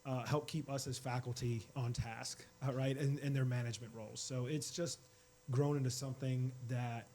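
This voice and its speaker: A man in his forties, a college department chair, talking in a relaxed interview with fillers. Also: mid-range voice, moderate pace, a little hiss or hum. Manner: warm, relaxed storytelling with fillers. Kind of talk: casual interview talk.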